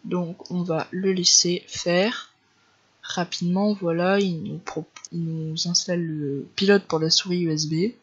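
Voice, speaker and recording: A man's voice: high voice, flat delivery, a little slow, breathy edge. A man with a Northern French ch'ti accent, talking casually and loosely step by step through a computer tutorial. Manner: informal, loose step-by-step explaining. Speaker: tech tutorial creator. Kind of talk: casual screen-recorded tutorial narration. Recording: dull lo-fi home recording.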